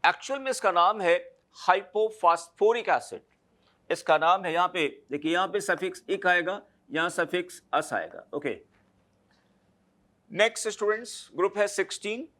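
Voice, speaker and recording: High-voiced man teaching chemistry. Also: lively intonation, unhurried, pushed and bright. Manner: explains step by step, often checks understanding with a tag question. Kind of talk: classroom lecture.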